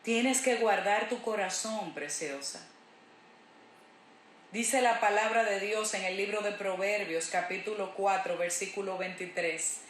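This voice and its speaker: A woman's voice: medium pitch, unhurried, slight background noise. A woman pastor preaching a sermon in an emphatic way, repeating her key phrases. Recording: roomy echo.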